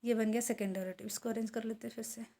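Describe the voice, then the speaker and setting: Woman lecturer, lesson, mellow tone, fairly high voice, talks through each step. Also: level tone, rapid-fire. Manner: talks while writing, asks and answers own questions. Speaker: economics teacher.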